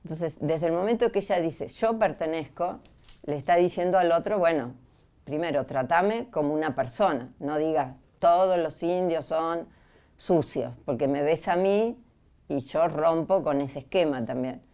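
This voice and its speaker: A woman on a discussion panel explains her view thoughtfully. Her voice is low and mellow. She often asks rhetorical questions to check that listeners follow. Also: moderate pace. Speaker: panel guest.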